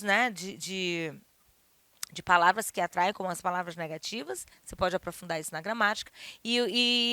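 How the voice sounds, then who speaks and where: A woman's voice: medium pitch, pushed and bright, no room sound, studio quality. A woman teaching a grammar lesson, explaining patiently and checking in with her class often.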